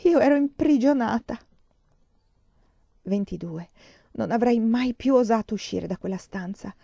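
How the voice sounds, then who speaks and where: A woman reads a first-person novel aloud with dramatic expression, her voice climbing in the tense passages. Her tone is mellow and dark, close and dry, and the recording is a little dull. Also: animated, measured pace, creaky, no echo. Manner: dramatic, rising in pitch at tense moments. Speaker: reader of a novel. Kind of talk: expressive audiobook reading.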